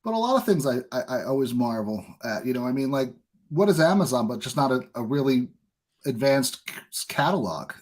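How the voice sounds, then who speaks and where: Very animated and fairly quick, this American host keeps his podcast interview loose and conversational, offering opinions off the cuff. His voice sits at medium pitch with a slightly mellow quality.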